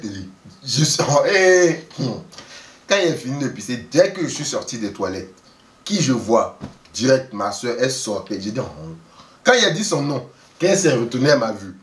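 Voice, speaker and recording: A man telling a story in a lively, casual way, often laughing and acting out the people he quotes. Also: mid-range voice, far from the mic. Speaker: vlogger telling a travel story. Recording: roomy echo, voice away from the mic.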